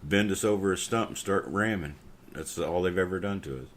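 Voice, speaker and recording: A middle-aged man with a very low, deep voice, talking bluntly and swearing freely as he vents in a casual podcast chat. A faint hum of background noise sits under his voice. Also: fairly quick, fairly bright tone. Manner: blunt, profane, bitter. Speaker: podcast co-host. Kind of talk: casual political rant.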